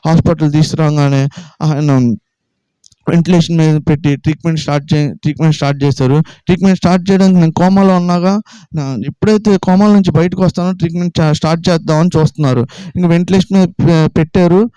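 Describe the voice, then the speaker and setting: A man from Andhra Pradesh gives his personal testimony at a quick clip, circling back over each step and slipping into the voices of the people he quotes. His voice is smooth and mellow, a little higher than most men's. The sound is dry and close, with no room around it. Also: steady tone, no echo, poor audio. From Vijayawada, Andhra Pradesh. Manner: rapid, repetitive storytelling that acts out quoted dialogue. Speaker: testimony speaker.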